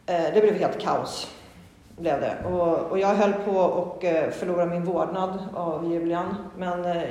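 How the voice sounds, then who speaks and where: A woman's voice: steady tone, dark tone, dull audio. A woman giving a candid, earnest personal testimony, rambling with many fillers and restarts. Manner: candid and earnest, with sudden rises in pitch. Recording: very echoey hall with long reverb.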